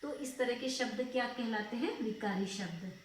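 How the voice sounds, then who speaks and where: A woman's voice: a little high, moderate pace, a little hiss or hum. A young woman teaching a school grammar lesson, patiently repeating words and asking checking questions. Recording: very echoey room, voice far off.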